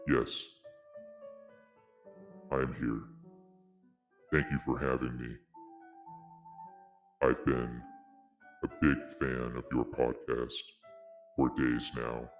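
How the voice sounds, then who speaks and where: A man playing a secretive, anonymous male vegan lion as a podcast guest, his voice run through a voice changer that pitches it very deep. He speaks slowly and solemnly, with halting pauses. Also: level tone, lo-fi sound, soft background music. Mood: polite. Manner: slow, halting, solemn delivery.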